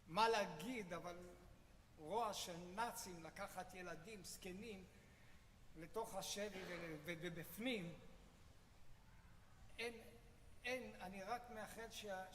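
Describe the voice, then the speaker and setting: A man from Israel, a congregant, speaking emotionally and haltingly as he searches for words. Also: high voice, fairly bright tone, slight background noise. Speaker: congregant visiting with his family. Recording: roomy hall reverb.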